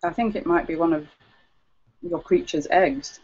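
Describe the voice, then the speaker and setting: A man's voice: fairly high pitch, measured pace, a little mellow. A man playing a tabletop game in character, talking in a polite, genteel way. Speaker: player. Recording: muffled lo-fi recording.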